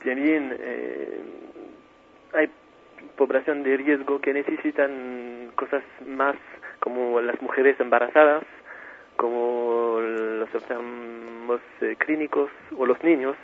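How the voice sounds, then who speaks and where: A man being interviewed as an aid mission administrator, speaking haltingly with many fillers and restarts. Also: mid-range voice, fairly even intonation. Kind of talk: phone interview. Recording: tinny phone line with faint hiss.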